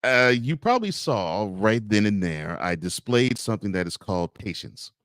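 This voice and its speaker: A man's voice: lowish voice, very animated, normal speed, fairly bright tone, no echo, clean studio sound. A man hosting a live morning variety show, chatting casually, reading out viewer comments with frequent laughs. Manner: chatty, laughs often, repeats plugs.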